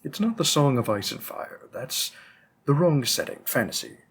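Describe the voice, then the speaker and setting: In a conversational roleplay audio drama, a man voices a patient, bookish vampire bookseller with a hint of menace. His medium-pitched voice is a bit bright with a breathy edge and big pitch swings, heavily acted. He muses keenly, hesitant and deliberate, pausing often.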